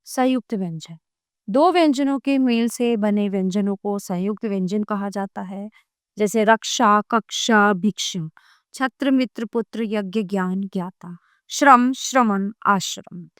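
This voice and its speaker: A woman teacher giving a grammar lesson to children, addressing them directly and spelling out sounds slowly one by one. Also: mid-range voice, a bit bright, clean tone, no room sound, studio quality.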